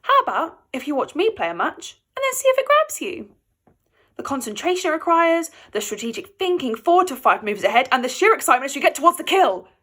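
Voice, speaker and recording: A woman's voice: high-pitched, a little fast. A woman doing a gushing schoolboy chess captain. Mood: enthusing. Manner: gushing, speeds up with excitement. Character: excitable schoolboy, former chess team captain.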